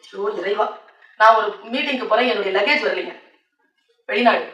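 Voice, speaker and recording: A woman giving a motivational speech to an audience, telling stories in a lively way and mixing in English words. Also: mid-range voice, brisk. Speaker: motivational speaker. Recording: echoey hall, distant mic.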